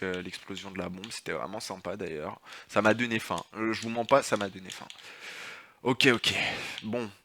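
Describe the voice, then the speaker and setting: Excitable young man commentating a game. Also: medium pitch. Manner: excitable, swears and shouts at game enemies; jokey, talks straight to viewers. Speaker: gaming YouTuber. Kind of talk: casual gameplay commentary.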